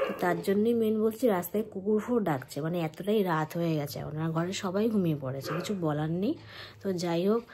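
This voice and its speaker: A young woman vlogging casually at home late at night, speaking quietly because she feels unwell and others are asleep, slipping English words into her talk. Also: mid-range voice. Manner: chatty, mixes English words into Bengali. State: feeling unwell. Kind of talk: casual vlog chat.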